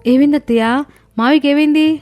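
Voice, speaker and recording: A woman's voice: high-pitched, fairly even intonation, fast talker, darkish tone, faint music behind, lightly acted. A woman voicing an innocent young village daughter-in-law, pleading and distressed.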